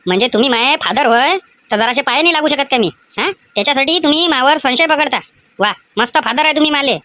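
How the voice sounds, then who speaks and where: A woman's voice: high-pitched, fast talker, bright, forceful tone. A woman voicing a cheeky, grumbling young village son in a cartoon, speaking. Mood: needling. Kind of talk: cartoon voice acting.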